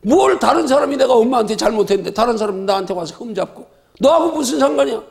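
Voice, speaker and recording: A middle-aged male pastor leading a Bible study, emphatic and full of rhetorical questions, at times shouting. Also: extremely high pitch, expressive, fast, creaky.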